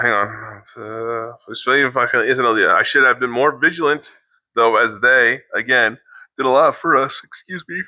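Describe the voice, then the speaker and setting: A man's voice: mid-range voice, sharp tone, no echo, rough recording. A middle-aged man reading an online post aloud in casual chat, stopping often to restart and dropping swear words into his asides. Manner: halting, restarts mid-sentence, swears in asides. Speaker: co-host reacting to online posts.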